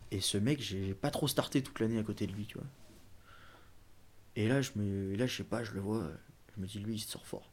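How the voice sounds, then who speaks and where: A man's voice: on the low side, brisk, long pauses, slight background noise. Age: 19. Sex: man. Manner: rambling, full of fillers and restarts. Style: casual interview storytelling. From France. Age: 19, young adult. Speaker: guest, junior BMX racer.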